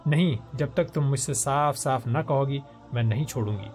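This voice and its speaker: A man's voice: medium pitch, a little mellow, soft background music, close to an everyday voice. A man voicing a shy, eager young woman in a storybook, pleading in a raised voice.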